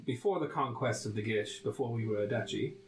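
A man voicing a formal, measured female official in a tabletop fantasy game, with halting, stately phrasing. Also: mid-range voice, close to an everyday voice. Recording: roomy echo, plucked guitar music behind.

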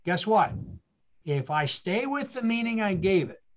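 Earnest high-voiced man, rhetorical questions. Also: big pitch swings, measured pace, lo-fi sound. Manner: emphatic, repeats key phrases, asks rhetorical questions. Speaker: guest speaker. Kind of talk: earnest motivational storytelling.

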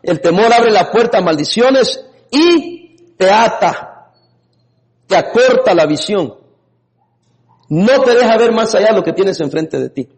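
A man preaching a lively sermon as a pastor, laughing now and then and breaking into sudden shouts. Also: sits high, slow pace, pauses often. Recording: long reverb in a hall.

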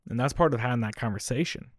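A man's voice: medium pitch, fast, dry recording. A young adult man hosting a casual solo podcast, rambling conversationally with frequent asides and a dry, slightly coughy throat. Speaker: podcast host.

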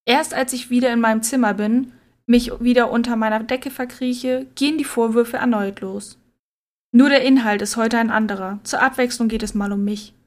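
Quiet woman reading a story aloud. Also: fairly high pitch, fairly even intonation, moderate pace. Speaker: narrator. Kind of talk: scripted audiobook narration.

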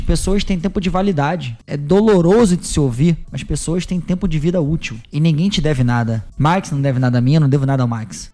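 A man with a Brazilian accent, telling an emotional personal story as a guest, acting out the lines he quotes and repeating himself for emphasis. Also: fairly high pitch. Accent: Brazilian Portuguese. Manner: animated, acts out quoted dialogue, emphatic repetition.

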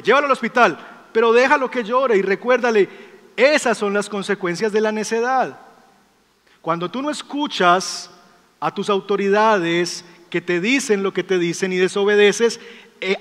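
A man preaching a sermon as pastor, emphatic, asking rhetorical questions and dropping to a softer storytelling voice. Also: high-pitched. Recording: long hall reverb.

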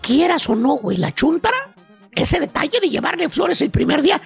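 A man voicing a squeaky male joke professor on a radio comedy segment, with a Mexican accent and a rambling, slangy lecturing manner full of "güey". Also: very animated, moderate pace, vocal fry, soft background music, heavily acted. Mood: storytelling. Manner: rambling, slangy, keeps saying "güey" and "fíjate nada más".

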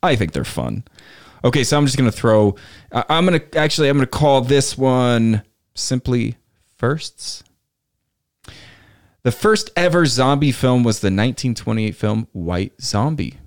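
A man's voice: medium pitch, expressive, measured pace. A man hosting a podcast in casual chat, presenting trivia and games to his co-hosts. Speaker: podcast host.

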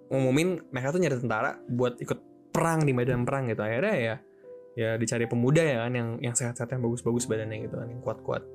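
A young man casually telling a religious story, chatty and slangy, jumping into quick voices for the characters. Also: mid-range voice. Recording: music playing behind.

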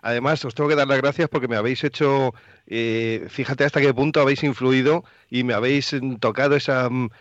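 A man hosting a radio interview, stopping often to fill pauses as he builds his questions. His voice sounds dry and slightly muffled, in a plain middle pitch. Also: fairly even intonation, dry recording. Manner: hesitant, many fillers. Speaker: radio host.

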